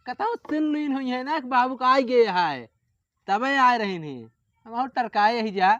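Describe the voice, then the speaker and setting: A man's voice: very high voice, lively intonation, a little slow, a bit bright, dry recording, dull audio. Grumbling older Awadhi man. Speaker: retired father-in-law in a sketch.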